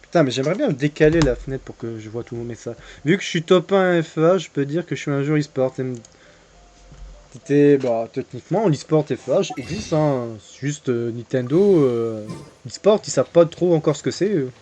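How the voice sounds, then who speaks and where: A young man streams a game and talks to his viewers in a relaxed, joking way, with crude language. His voice sits a bit higher than most men's. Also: normal speed, a little hiss or hum. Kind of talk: casual live game commentary.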